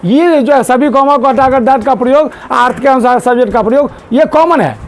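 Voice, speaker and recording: A male teacher giving a grammar lesson in a classroom, drilling students with repeated questions and asking them to answer loudly. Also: very high-pitched, brisk. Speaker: English teacher.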